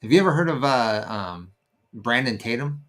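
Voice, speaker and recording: A man's voice: mid-range voice, expressive, normal speed. A man co-hosting a podcast in casual chat, rambling and often stopping to search for words. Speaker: podcast co-host.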